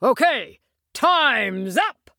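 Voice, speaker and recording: A woman voicing a grand, showy male circus ringmaster in a storybook reading, announcing with slow flourish. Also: expressive, dry recording, clean studio sound. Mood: brisk. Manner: booming showman announcements. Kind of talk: storybook character voice.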